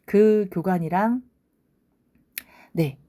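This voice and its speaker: A woman's voice: medium pitch, very slow, warm tone. A woman talking casually and reflectively about a TV drama, musing aloud as she goes. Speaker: drama reviewer. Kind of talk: casual commentary.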